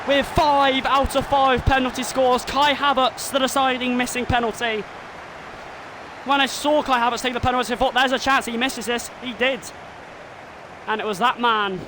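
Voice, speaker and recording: A man streaming a football video game live, calling the action like a commentator and shouting at the big moments. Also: extremely high pitch, noisy background. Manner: mimics a football commentator and a team manager.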